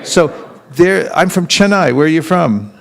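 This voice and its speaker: A man with a slightly higher-pitched voice is teaching a live seminar. He keeps throwing questions at the room and slips into little acted-out exchanges to show how a conversation goes. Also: animated, measured pace, vocal fry. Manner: keeps quizzing the audience with questions; acts out street exchanges in quoted voices.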